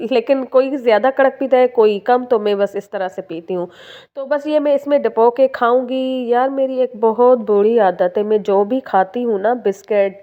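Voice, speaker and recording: A young home vlogger from Sindh, Pakistan, records a casual voice-over, chatting warmly to her viewers with plenty of fillers. Her voice is on the high side and narrow, captured on a phone with tinny audio.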